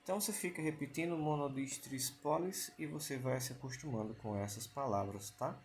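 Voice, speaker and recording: Male teacher, mid pitch, patient and repetitive; faint room noise. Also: a little fast, a little mellow. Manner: patient, repeats key points with rhetorical questions. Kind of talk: explanatory online lesson.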